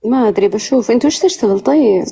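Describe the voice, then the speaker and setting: A woman's voice: a little high, animated, rapid-fire, vocal fry, dark tone, slightly rough. A woman from the Qassim region with a Najdi accent, asking blunt questions as a caller in a casual live chat. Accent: Najdi Saudi Arabic. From Qassim region, Saudi Arabia. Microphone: phone on a live stream.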